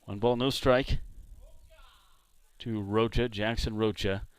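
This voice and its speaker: A man from San Diego doing play-by-play commentary for a baseball game, chatting between pitches. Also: slow pace, clear, resonant tone, no room sound. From San Diego, California. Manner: relaxed, chatty between pitches, jumps up loud on big hits. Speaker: play-by-play announcer.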